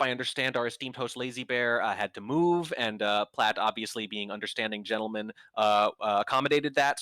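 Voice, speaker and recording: A male esports co-caster with a bright, pushing tone and a dry, close-miked sound. He talks in a chatty, sarcastic way, cracking jokes between points of analysis. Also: mid-range voice, no echo. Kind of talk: esports commentary.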